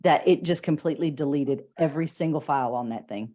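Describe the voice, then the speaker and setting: A woman co-hosts a podcast in an easygoing, chatty way, her voice fairly low for a woman. She tells her stories with energy and acts out the lines she quotes. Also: fast, warm tone. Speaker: podcast co-host. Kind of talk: casual chat.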